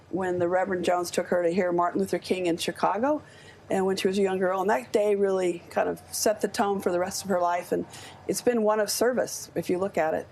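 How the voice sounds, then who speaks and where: Gravelly older American woman, earnest. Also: medium pitch, a little mellow, a little hiss or hum. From United States. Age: 70s. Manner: earnest, impassioned, speaks with conviction. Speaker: studio guest. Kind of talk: live TV news interview.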